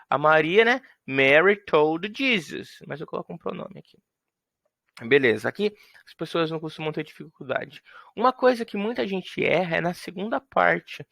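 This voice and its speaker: Lively, gravelly-voiced Brazilian male teacher. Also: on the high side, no room sound. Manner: lively, playful, acts out little scenes with example sentences. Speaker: English teacher. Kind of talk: explaining grammar to students.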